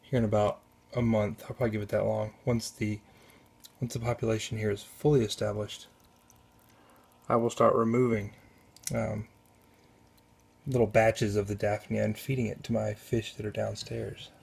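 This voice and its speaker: Male hobbyist, low gravelly voice, loose off-camera vlog commentary, halting and self-correcting, home bedroom on a camera mic. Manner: relaxed, halting, with many restarts and self-corrections. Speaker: aquarium hobbyist. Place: spare upstairs bedroom at home.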